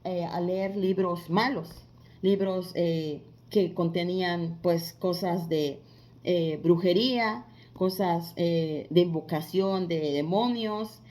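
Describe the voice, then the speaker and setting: A woman teaching a devotional Bible lesson in a conversational way, asking listeners rhetorical questions and pausing on filler sounds. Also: on the low side, mellow. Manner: frequent filler pauses.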